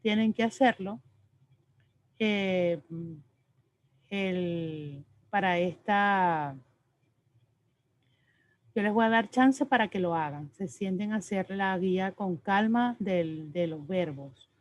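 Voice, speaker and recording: A woman's voice: medium pitch, slow, pauses often. A woman teacher explaining spelling and pronunciation rules to her class, patient and explanatory, often checking in with "ok?". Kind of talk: online class lecture. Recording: slightly dull lo-fi audio.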